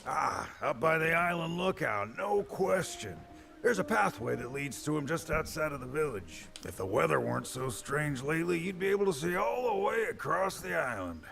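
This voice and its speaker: A sly, conspiratorial pirate townsman in a video game. The delivery is dry and teasing, croaking with heavy gravel and lively intonation, over faint music. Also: fairly high pitch, moderate pace, exaggerated voice. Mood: sly, helpful. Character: sly male pirate-town local, dry tipster. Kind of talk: video game character dialogue.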